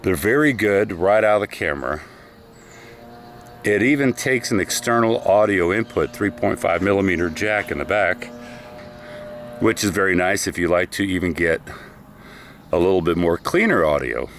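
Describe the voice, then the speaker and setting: Deep-voiced man vlogging about gear. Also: moderate pace, long pauses, a little hiss or hum. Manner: chatty, enthusiastic about gear. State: slightly out of breath. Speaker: product review vlogger. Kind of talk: casual talking-head vlog. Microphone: camera's built-in microphone.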